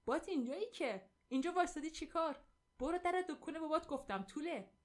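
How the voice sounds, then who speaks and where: A woman's voice: on the high side, natural voice. A woman voicing a harsh, cursing aunt who berates a child in a storybook reading. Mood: scolding. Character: harsh scolding middle-aged aunt.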